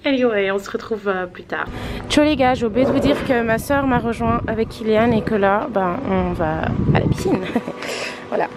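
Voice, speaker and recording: A woman's voice: a little high, moderate pace, very noisy. A woman from Switzerland chatting casually to her vlog viewers, rambling with many hesitations. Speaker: vlogger.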